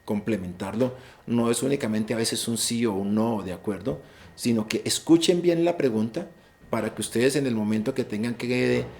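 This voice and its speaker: This man's voice sits in the mid range, creaky and somewhat dark. Speaking with a Colombian Spanish accent, he guides students through an English exam online, laying out rules and going back over important points. His delivery is explanatory, with repeated and restarted words and firm stress on key tips.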